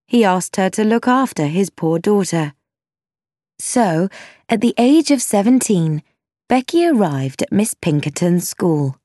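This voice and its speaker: Woman narrator, unhurried and clear, expressive rise and fall, dry close sound. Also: medium pitch, no echo. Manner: slow, clear, expressive storytelling. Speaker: audiobook narrator. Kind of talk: scripted narration of a simplified classic novel.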